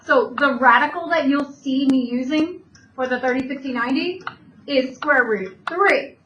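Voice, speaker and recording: High-voiced woman teaching math in an echoey room. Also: normal speed, fairly bright tone. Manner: explains step by step, asks questions and answers them herself. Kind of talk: recorded classroom math lesson. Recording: distant, dull, echoey room with faint noise.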